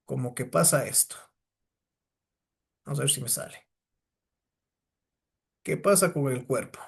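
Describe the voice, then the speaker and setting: A man's voice: medium pitch, unhurried, vocal fry. A man teaching a physics class, lecturing and firing questions at his students. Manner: asks the class many rhetorical questions.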